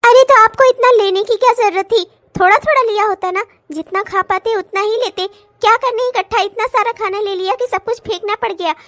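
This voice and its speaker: A woman's voice: extremely high pitch, fairly quick, few pauses, no room sound. [name], woman voicing a fed-up young wife. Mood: scolding. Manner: sharp scolding. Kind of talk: cartoon voice acting.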